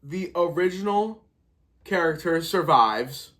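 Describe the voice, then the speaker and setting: A man with a fairly high voice hosts a solo podcast episode reviewing a horror sequel. He speaks slowly but is animated and sarcastic, joking around and acting out mock audience reactions.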